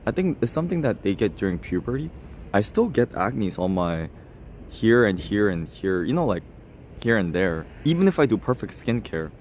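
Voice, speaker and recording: A young livestreamer in his 20s chats casually, reading comments and talking straight to chat while laughing often and mocking himself. His lowish voice is very animated and a little mellow at a moderate pace, with slight background noise.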